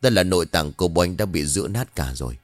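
A man voicing a measured, formal doctor who breaks bad news in a story. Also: deep voice, animated, no room sound, faint music behind. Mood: solemn. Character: calm middle-aged male doctor.

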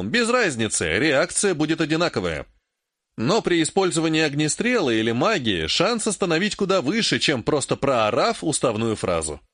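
Male audiobook narrator, wry, lively intonation, fairly high voice, dry close sound. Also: no echo. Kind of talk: first-person audiobook narration.

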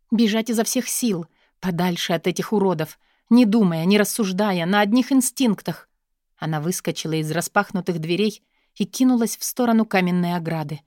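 A woman narrating an audiobook in an expressive, steady storytelling manner. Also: lowish voice, dry recording, clean studio sound. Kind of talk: scripted narration.

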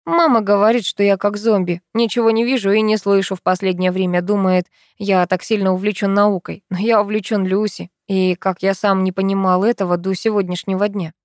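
A woman's voice: mid-range voice, darkish tone, no echo, clean studio sound. Woman reading an emotional first-person story.

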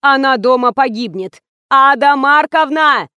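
A woman voicing an excitable, tired female theatre administrator in an audiobook. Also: a little high, moderate pace, dry recording, muffled recording, lightly acted. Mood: harried. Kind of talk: audiobook character reading.

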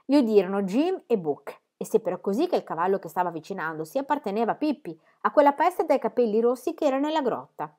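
Woman reading a children's book aloud, lively and full of expression. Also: fairly high pitch, fast, hardly any pauses.

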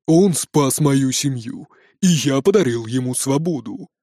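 A man voicing a grave, stern male farmer who speaks low and measured. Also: lively intonation, warm tone, no echo. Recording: dry close studio audio.

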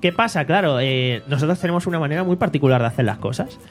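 A man's voice: fairly high pitch, expressive, quick pace, faint music behind. A man, hosting a casual podcast, reading out listener comments in a mocking, swearing tone. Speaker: podcast host. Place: home studio.

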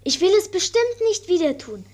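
Very high-voiced little boy prince. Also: very animated, normal speed, a little mellow. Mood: pleading. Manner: childlike, earnest, innocent. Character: sensitive, polite eight-year-old boy prince. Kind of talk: radio play acting.

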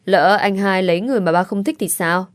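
A woman's voice: medium pitch, fairly quick, no room sound, studio quality, close to an everyday voice. A woman voicing a playful, teasing young daughter in a storybook reading, speaking in a cheeky, coaxing way. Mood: probing. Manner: cheeky, pleading, sulky.

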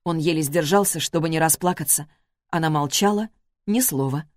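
A woman's voice: sits low, no room sound, studio quality. Woman narrating a literary audiobook. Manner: measured, expressive.

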